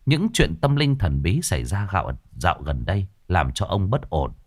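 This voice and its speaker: A man reading a ghost story aloud in a dramatic, expressive style. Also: sits low, normal speed. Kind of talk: scripted horror story narration. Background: faint background music.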